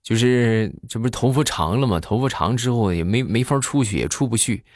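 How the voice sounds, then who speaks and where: A man's voice: medium pitch, animated, fairly quick, a little mellow, no echo, studio quality. A man performing a stand-up comedy monologue, telling stories with jokey asides and rhetorical questions.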